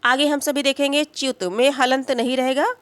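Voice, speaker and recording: A woman teaching grammar for exams, who explains slowly, poses questions and answers them herself, and keeps checking in with her students. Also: high voice, fairly even intonation, fairly bright tone, dry recording. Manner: frequent "है ना" check-ins and "अ" fillers. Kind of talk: exam-prep grammar lesson.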